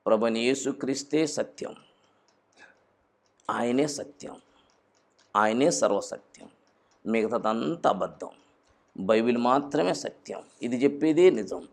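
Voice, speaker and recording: A man preaching a sermon, moving between loud urgent exhortation and low, intense warnings. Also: creaky. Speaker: pastor.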